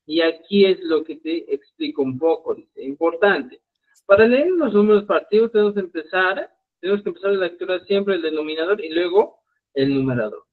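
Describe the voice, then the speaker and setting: A man's voice: high voice, expressive, brisk. A man teaching a live Quechua language lesson, explaining step by step and checking in with his students. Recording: tinny phone-like live stream audio.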